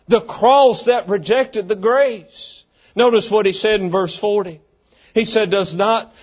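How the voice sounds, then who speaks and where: A man preaching a sermon, with an emphatic, repetitive cadence. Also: very high-pitched. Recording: dull lo-fi recording.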